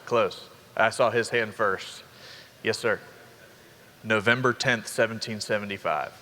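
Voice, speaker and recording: A young man, a college dean of students giving an upbeat orientation welcome to students and parents, with quick asides to the crowd. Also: lowish voice, fairly even intonation, bright, forceful tone, slight background noise. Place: large hall. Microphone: handheld microphone. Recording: reverberant hall with faint ambience.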